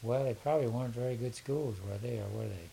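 With a mid-range, gravelly voice and a quick pace, this older southern U.S. man works as an education consultant and is being interviewed. He answers casually, hesitant and rambling, often repeating words. The audio is poor, with a faint steady hiss.

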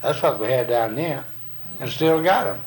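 A man's voice: mid-range voice, lively intonation, moderate pace, poor audio. An older man with a Southern accent from around Arkansas, giving folksy, plain-spoken answers in an informal interview. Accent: Southern US, Arkansas area.

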